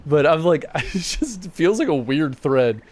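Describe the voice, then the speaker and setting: A man's voice: a little high, expressive, measured pace, a little mellow. A man hosting a game stream, chatting casually and laughing often. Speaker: streamer host.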